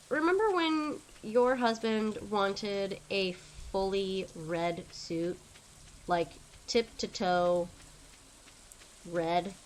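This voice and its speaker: Chatty, excitable young woman streamer. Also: medium pitch, slight background noise. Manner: chatty, excitable, rambling with many fillers. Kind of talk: casual gaming stream chat.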